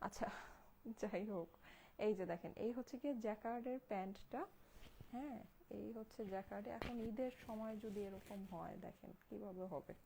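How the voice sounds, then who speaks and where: A young woman with a Bangladeshi Bengali accent hosts a live clothing sale in a hushed voice, careful not to wake her sleeping child. Her tone is mellow and warm. She keeps repeating her praise and checking in with the listeners, over a faint background hum. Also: mid-range voice, a little fast, gravelly, low-quality recording. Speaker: online clothing seller. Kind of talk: Facebook live sales pitch.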